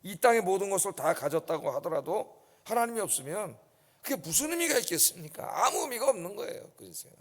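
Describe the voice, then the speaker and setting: A male pastor delivers an early-morning sermon in a church sanctuary, his high-pitched voice swinging widely in pitch at a quick pace. He's emphatic and keeps checking in with the congregation. Long church reverb trails every line.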